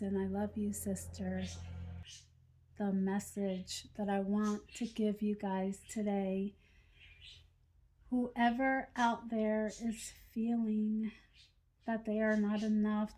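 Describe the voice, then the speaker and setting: A woman vlogger speaking slowly and earnestly to her viewers, over-pronouncing each word as she shares encouragement. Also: mid-range voice, warm tone. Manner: slow, deliberate, over-pronounced words. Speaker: doll collector vlogger. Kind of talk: heartfelt talk to camera.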